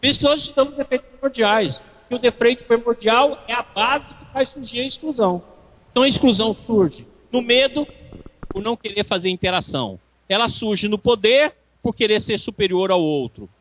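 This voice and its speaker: Speaking a little fast in a very high, fairly bright voice, a Brazilian-accented man gives an emphatic lecture for a spiritual course, recorded dry. He leans on rhetorical questions and performs the lines he quotes.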